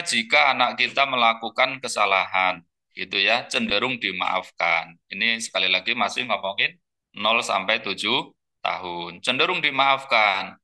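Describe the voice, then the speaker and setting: A man giving a relaxed parenting lecture for a webinar, chatty and full of fillers, sometimes acting out gentle words a parent says to a child. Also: lowish voice. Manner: conversational, with many fillers and repeated phrases. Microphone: webinar computer mic.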